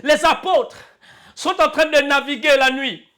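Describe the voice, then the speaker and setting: Guy preaching a sermon in church, really high voice, keeps repeating himself and shouting out. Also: measured pace. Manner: fervent, shouting and crying out in bursts, repeating phrases. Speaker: apostle preaching.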